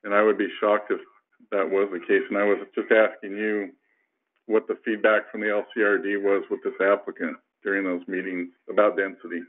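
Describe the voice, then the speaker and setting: Middle-aged man, commissioner type, deeper voice, dialed in by landline phone, formal and halting. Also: little pitch movement. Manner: measured, halting, with many fillers. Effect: over a landline phone. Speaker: commissioner at a public planning hearing. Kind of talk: formal questioning at a public meeting. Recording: tinny landline phone line.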